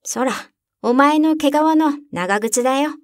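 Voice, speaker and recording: A woman voicing a rough, bossy young robber girl in a storybook reading, with blunt tomboyish speech. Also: high voice, unhurried, no room sound, clean studio sound. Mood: gruff.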